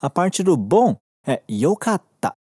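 A woman's voice: lowish voice, big pitch swings, warm tone, husky, no echo, studio quality. Encouraging Brazilian woman teaching Japanese. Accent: Brazilian Portuguese. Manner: encouraging, patient, slows down to model phrases. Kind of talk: recorded language lesson.

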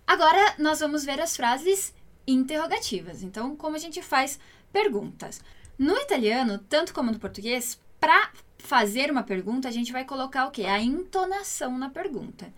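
Woman, high voice, grew up in Italy, language teacher, patient, explanatory, slow careful example phrases. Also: sing-song. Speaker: Italian teacher. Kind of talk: language lesson.

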